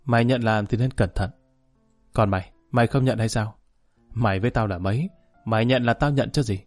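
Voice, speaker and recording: A man voicing a proud, stubborn male gang boss who talks quickly and dismissively. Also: fairly low pitch, faint music behind. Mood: defiant.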